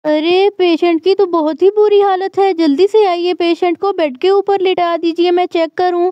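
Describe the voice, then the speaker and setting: A woman voicing a brisk female doctor in a doll story, giving quick orders. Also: very high voice, fairly even intonation, mellow, no room sound, dull audio. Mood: urgent. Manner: brisk, commanding.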